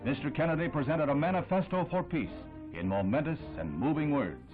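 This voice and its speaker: Over tinny old newsreel audio with music, a man narrates solemnly, emphatically and dramatically. His voice is a little high, brisk, with lively intonation.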